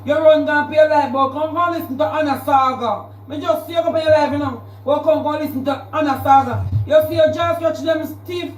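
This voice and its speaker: A Jamaican woman with a high voice delivers a heated livestream rant, circling back over the same points as she calls someone out. She sounds roomy, picked up by a phone mic from a few steps away. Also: fairly even intonation, brisk, hardly any pauses, far from the mic. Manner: confrontational, repetitive, calling out a rival. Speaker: social media livestreamer.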